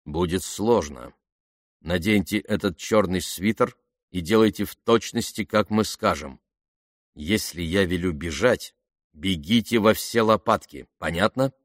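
A man's voice: deep voice, a little slow, dry recording, clean studio sound. A man reading as a firm aristocratic commando.

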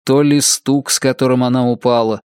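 A man reading a novel aloud as an audiobook narrator, in a measured, deliberate way. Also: mid-range voice, steady tone, darkish tone, smooth, no echo, clean studio sound. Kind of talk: scripted narration.

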